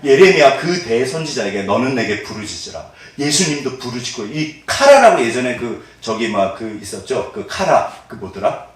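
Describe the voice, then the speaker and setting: A man's voice: mid-range voice, normal speed, hardly any pauses. A middle-aged man preaching a sermon as pastor, quizzing the congregation and laughing often. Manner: animated, asks the congregation call-and-response questions. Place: church sanctuary. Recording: echoey hall, mic at a distance.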